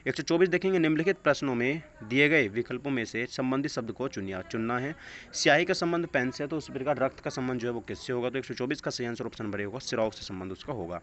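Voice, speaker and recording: Talking fast in a medium-pitched, fairly bright voice, a male test-prep coach reads out questions and their answers as he teaches, slipping English phrases into his speech. The recording sounds dull and lo-fi, with noticeable background noise.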